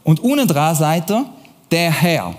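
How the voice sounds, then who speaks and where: A man's voice: fairly high pitch, big pitch swings, measured pace. A young man with a Swiss German accent giving a casual youth sermon, explaining things chattily with rhetorical questions. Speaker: youth church preacher. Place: church hall. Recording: long hall reverb.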